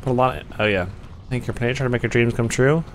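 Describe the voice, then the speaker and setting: A man's voice: medium pitch, fairly even intonation, fast, a little hiss or hum. A young man streaming a game live, chatting loosely with his viewers and swearing often. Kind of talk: live gameplay commentary.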